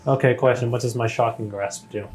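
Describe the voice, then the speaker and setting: A man's voice: medium pitch, steady tone, brisk, a crowd in the background. A man playing a tabletop game, thinking aloud and asking questions. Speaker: player. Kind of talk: casual tabletop game chat.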